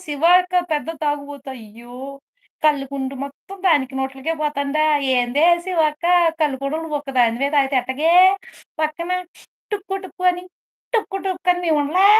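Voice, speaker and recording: Woman playing a silly gossipy village woman, high voice, scolding, teasing, rambling comic live-stream banter. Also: close to an everyday voice.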